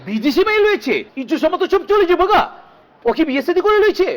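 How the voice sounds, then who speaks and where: An actor playing an excitable boss who worries about his honor, with shrill, alarmed exclamations. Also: very fast, heavily acted.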